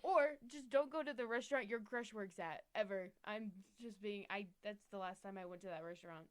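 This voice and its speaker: A woman's voice: mid-range voice, a little fast, clear, resonant tone. Giggly young woman rambling a story. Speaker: podcast co-host. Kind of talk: casual chat.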